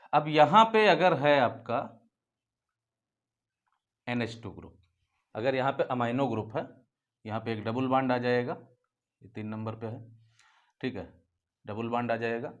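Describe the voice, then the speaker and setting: A man teaching a biology class, asking his own questions and answering them, and often calling the students "beta". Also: medium pitch. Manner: repeats key points as questions and answers them; addresses students fondly as "beta". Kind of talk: whiteboard lecture for school students.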